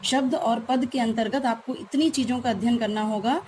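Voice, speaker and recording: A woman's voice: fairly high pitch, moderate pace, darkish tone, a little hiss or hum. A woman teacher giving a grammar lesson to schoolchildren, explaining patiently and repeating key terms.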